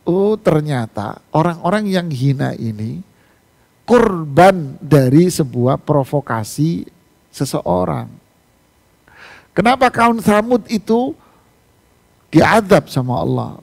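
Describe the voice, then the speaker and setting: Guy preaching in a mosque, kinda raspy, voice a bit high, tells stories and asks the crowd stuff. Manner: animated storytelling with rhetorical questions. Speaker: Islamic preacher. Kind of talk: mosque sermon on Quran exegesis.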